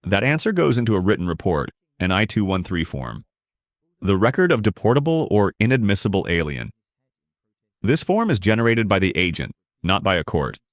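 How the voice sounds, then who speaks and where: Low-voiced man, lively pitch, scripted legal narration, dry close sound. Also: normal speed, no room sound.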